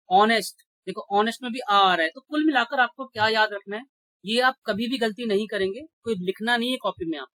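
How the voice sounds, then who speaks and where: A man's voice: high voice, pushed and bright, dry recording, low-quality recording. A male teacher walks his class through exam grammar rules one step at a time. He often checks that his students are following and answers his own questions. His voice is recorded dry and close, with no room sound. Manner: asks rhetorical questions and answers them. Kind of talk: exam-prep grammar lecture.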